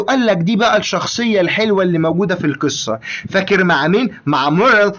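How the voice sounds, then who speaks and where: Brisk Egyptian teacher, fast and high. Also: male voice, fairly bright tone, dull audio. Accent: Egyptian Arabic. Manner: brisk, repetitive, talks straight to the student. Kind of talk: exam-prep lesson.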